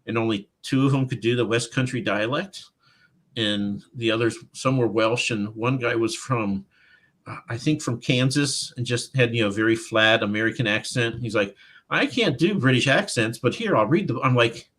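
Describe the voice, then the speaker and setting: Male author guest, medium pitch, storyteller who acts out the quotes. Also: normal speed. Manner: animated anecdote-telling, acting out quotes. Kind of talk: casual interview storytelling.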